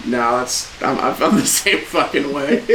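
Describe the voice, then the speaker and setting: A man's voice: mid-range voice, very animated, slow pace, fairly bright tone, reverberant, slight background noise. A man co-hosting a let's play, chatting casually and swearing while he plays. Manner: laid-back, swears, laughs often, exclaims while playing. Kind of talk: casual gaming chat. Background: faint game music.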